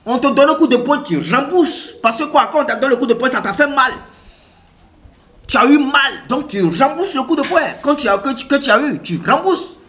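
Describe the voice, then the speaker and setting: A man with an African French accent giving an animated motivational talk, repeating himself and firing rhetorical questions at the listener. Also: extremely high pitch, normal speed. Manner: animated, repetitive, rhetorical questions, acts out reactions. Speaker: motivational speaker.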